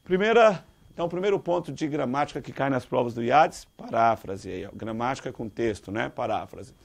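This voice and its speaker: Brazilian male teacher with a gravelly, creaky voice, quizzing students as he explains. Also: medium pitch, fairly quick. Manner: lively, quizzes listeners with rhetorical questions; calls students "dear". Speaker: Portuguese teacher. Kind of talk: exam-prep grammar lesson.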